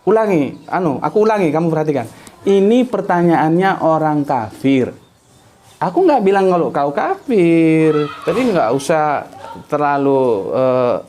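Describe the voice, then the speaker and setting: A middle-aged preacher with a fairly high voice, telling a story in a loose, chatty way. He keeps folding casual asides and tags into his talk, like a teacher talking with his students. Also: a little mellow. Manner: chatty, anecdotal, frequent conversational tags and laughs. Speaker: Islamic preacher.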